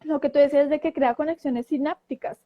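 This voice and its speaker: High-voiced woman telling a story, lo-fi. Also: fairly quick. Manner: animated, acts out quoted voices, frequent restarts. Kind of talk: casual storytelling chat. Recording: dull lo-fi audio.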